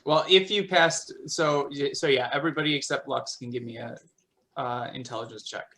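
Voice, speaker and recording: A man narrating as game master of a tabletop game, halting and full of restarts. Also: medium pitch, steady tone, a bit bright. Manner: halting, with many restarts and fillers.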